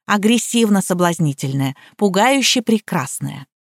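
Woman, audiobook narration, wry, ironic, mid-pitched, dry close sound. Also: animated, normal speed, no room sound. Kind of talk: first-person audiobook narration.

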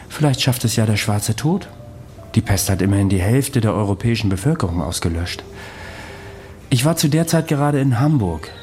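In an audio drama, an actor with a mid-range, slightly mellow voice plays a world-weary, undying ancient wanderer, recounting his past in a wry, brooding manner through dialogue and storytelling. The performance is lightly acted, with a little hiss or hum in the recording.

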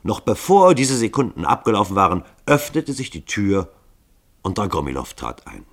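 Deep husky man narrating an audiobook. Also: sing-song, normal speed. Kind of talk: scripted narration.

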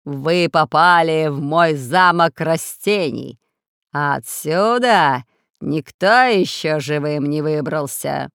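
A woman voicing a menacing male lord of plants, a mad gardener villain in a children's audiobook, speaking slowly and threateningly. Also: deep voice, creaky, fairly bright tone, clear, resonant tone, dry recording, clean studio sound, exaggerated voice. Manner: slow and threatening.

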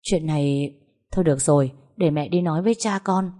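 A woman's voice: low voice, a little fast, warm tone. A woman voicing a worried older mother who coaxes and soothes in an anxious, protective way.

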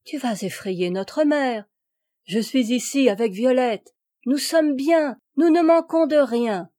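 A woman reading a storybook aloud and voicing a gentle, devoted young boy who speaks in a tender, earnest way. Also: on the high side, unhurried, dry recording, studio quality. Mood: reassuring.

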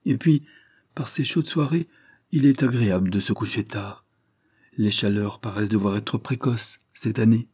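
A man reading aloud voices a timid, anxious young woman in a Victorian audiobook, slipping into a hushed near-whisper. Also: on the low side, normal speed, slightly rough, dry recording, clean studio sound.

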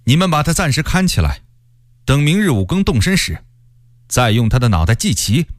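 A male storyteller voicing a shrewd middle-aged woman, a rebel leader's wife, who speaks quietly and probingly. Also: fairly high pitch, very animated, brisk, dry recording, clean studio sound.

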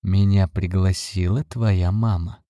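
A man's voice: low-pitched, fairly even intonation, takes it slowly, dark tone, no echo, studio quality. A man reading an audiobook, voicing a tense, restrained grown man. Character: middle-aged man, tense stepfather figure. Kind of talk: audiobook character voice.

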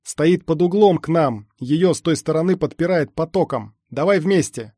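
Figure: male scout, played by a male narrator. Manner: shouting urgently, practical. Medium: audiobook. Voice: dark, dry. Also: on the high side, measured pace, no echo, voice pushed up. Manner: shouting over gunfire.

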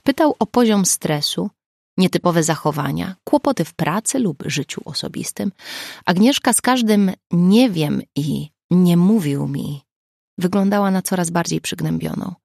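A woman narrating a crime novel audiobook in a measured, even storytelling manner, close to the mic. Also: on the low side, vocal fry, no room sound. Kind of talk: scripted narration.

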